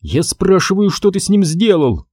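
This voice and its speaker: A young woman on the edge of panic, shouting accusations in a trembling, high voice, performed by a man reading a story aloud. The reading is close and dry, with a warm, darkish tone. Her rage runs hot but never loses its grip on the words. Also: very animated, moderate pace, breathy edge, no echo, heavily acted. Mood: furious. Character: shaken young woman, furious and desperate.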